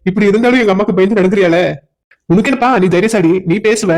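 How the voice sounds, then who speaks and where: A man with a south Tamil accent voices a cartoon drama in a joking, flustered way. He speaks at a brisk pace. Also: high-pitched. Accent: south Tamil Nadu dialect. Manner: joking and flustered, laughs between lines. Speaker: voice actor for a cartoon series.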